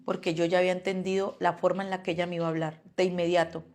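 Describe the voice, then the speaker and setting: A woman's voice: fairly low pitch, flat delivery, very fast, darkish tone. A mother earnestly recounting a personal story, acting out what each person said. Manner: earnest, acts out quoted dialogue. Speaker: mother telling her own story.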